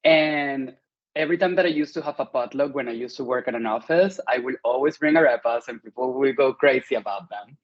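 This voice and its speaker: A man's voice: medium pitch, brisk. Chatty Venezuelan-born man, dull audio. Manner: friendly, chatty, many "like" fillers. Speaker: interview guest. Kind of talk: casual interview conversation.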